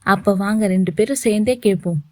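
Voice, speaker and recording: A woman's voice: medium pitch, brisk, no echo, studio quality, close to an everyday voice. A woman voicing a bold, breezy young woman who speaks forwardly, read as part of a story. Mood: playful.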